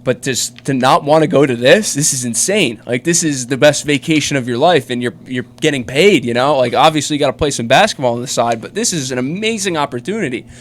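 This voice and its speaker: Male sports podcast co-host, opinionated, casual delivery, mid pitch. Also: fairly quick, hardly any pauses. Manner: opinionated, filler-heavy.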